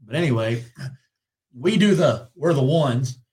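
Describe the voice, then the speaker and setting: A man's voice: mid-range voice, animated, unhurried, darkish tone. A man on a podcast telling wrestling stories in casual chat, swearing freely and mimicking other people. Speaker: podcast co-host.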